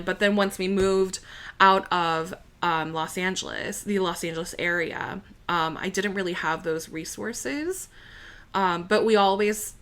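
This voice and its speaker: An American opera singer, a young woman, chats slowly as a guest in a casual interview. Her voice is on the low side, bright and clean, and she's relaxed, using many fillers and laughing easily.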